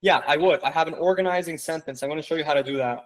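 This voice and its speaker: A man's voice: fairly high pitch, rapid-fire, rough recording. A young adult man coaching applicants in an online info session, talking casually and emphatically with lots of rhetorical questions. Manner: casual, conversational. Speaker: medical school interview coach.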